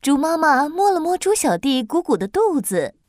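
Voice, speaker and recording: Lady reading a kids story, bouncy and up high, dry sound. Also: moderate pace, no echo. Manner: lilting, expressive storytelling. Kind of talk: children's story narration.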